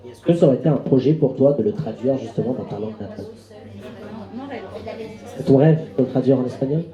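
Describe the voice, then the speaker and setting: A man's voice: mid-range voice, fast, warm tone, muffled recording. A man hosting a book talk and event. He talks loosely and keeps saying "donc" as a filler. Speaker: event host. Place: event hall. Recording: roomy hall sound.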